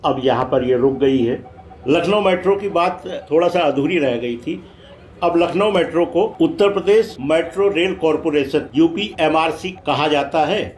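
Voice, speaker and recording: A man's voice: a little high, normal speed, darkish tone. A man giving informative travel vlog commentary, explaining things directly to viewers. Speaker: vlog host. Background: faint metro train ambience.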